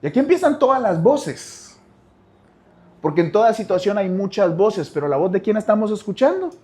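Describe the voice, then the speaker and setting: This male pastor's sermon moves at a moderate pace with wide swings in pitch. He talks straight to the congregation, repeats phrases, and goes from soft, low asides to loud cries.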